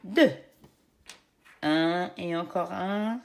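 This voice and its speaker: A woman's voice: lowish voice, extremely slow, vocal fry. A woman teaching young children like a kids show host, leading a counting game in an encouraging, singsong, didactic way. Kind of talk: educational demonstration addressed to young children.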